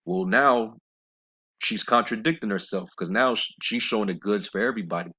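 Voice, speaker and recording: A man giving informal scripture commentary in a blunt, scornful way, rambling with fillers and slowing down to read verses. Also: fairly low pitch, sharp tone, husky. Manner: rambling, with many fillers and restarts; reads scripture in a slower, measured cadence. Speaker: religious commentator. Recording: dull lo-fi recording.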